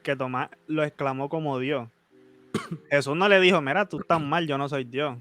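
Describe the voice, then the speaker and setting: A man's voice: on the high side, normal speed, fairly bright tone, no echo. A man co-hosting a casual Bible discussion podcast, cutting in politely and then reading verses aloud.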